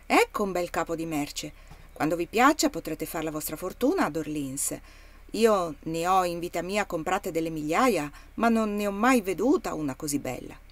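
A woman's voice: lowish voice, lively intonation, moderate pace, close to an everyday voice. A woman voicing a blunt, greedy male slave trader in an audiobook reading, coaxing and haggling.

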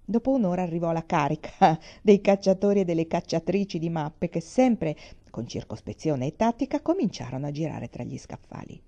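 A woman reading aloud a story she wrote herself, in an expressive narrating manner. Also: on the low side, moderate pace, few pauses, dull audio. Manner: expressive reading with dramatic swings. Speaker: author reading her own stories.

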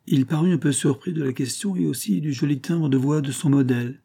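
Male audiobook narrator, measured and even; dark, slightly husky voice. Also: a little high.

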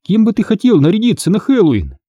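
A man's voice: high-pitched, wildly swooping pitch, a little fast, dark tone, breathy edge, no echo, lo-fi sound, pitched above the performer's own voice, full character voice. A man voicing a cheerful middle-aged aunt who exclaims and scolds fondly in a storybook reading. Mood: lively.

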